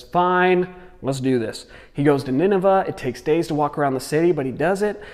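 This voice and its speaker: A man preaching a short video sermon, retelling a Bible story in a lively, dramatic way. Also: medium pitch, big-room sound. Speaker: pastor.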